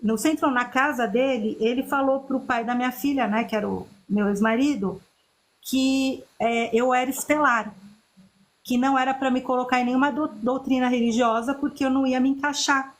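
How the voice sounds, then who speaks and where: High-voiced woman in her fifties. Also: fairly even intonation, moderate pace. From Chile. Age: 50s. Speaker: guest. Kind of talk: personal storytelling in conversation.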